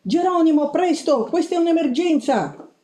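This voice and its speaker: Woman voicing a young female mouse reporter, high and breathless, urgent, insistent, roomy echo. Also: animated, warm tone. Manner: urgent, rapid-fire, insistent.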